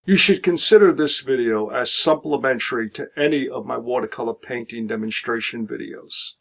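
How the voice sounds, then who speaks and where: A middle-aged man with a gravelly, fry-edged voice explains his watercolor setup in an unhurried, methodical way. He lists paints and brushes one by one like a patient art teacher. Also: mid-range voice. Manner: calm, methodical, listing supplies one by one. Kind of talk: instructional demonstration. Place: home art studio, indoors.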